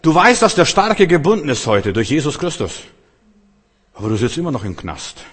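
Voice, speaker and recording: A male preacher delivering an emphatic sermon, swinging between loud declarations and hushed lines, speaking straight to his listeners. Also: a little high, sing-song, moderate pace, husky. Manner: addresses listeners directly and intimately. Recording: long hall reverb.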